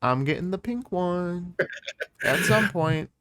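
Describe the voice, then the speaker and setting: A man's voice: sits high, animated, takes it slowly, sharp tone, clear, resonant tone, no room sound, clean studio sound. A man co-hosting a podcast in playful casual chat, laughing often. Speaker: podcast co-host.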